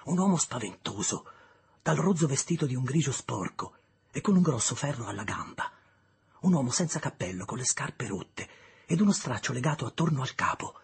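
A man narrating an audiobook in a measured, deliberate reading style, with a husky voice. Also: mid-range voice, big pitch swings. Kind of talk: scripted literary narration.

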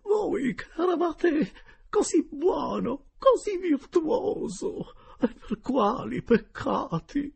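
A man voicing a pious middle-aged headmistress who wails and pleads in a tearful falsetto, in an audiobook reading. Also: very animated, slow, gravelly, darkish tone, full character voice. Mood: pleading tearful. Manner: pleading, sobbing.

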